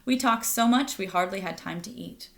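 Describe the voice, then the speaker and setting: Reading a children's picture book to a young audience, a woman speaks in a medium pitch with vocal fry and a fairly bright tone. She talks straight to the kids and pauses for questions along the way.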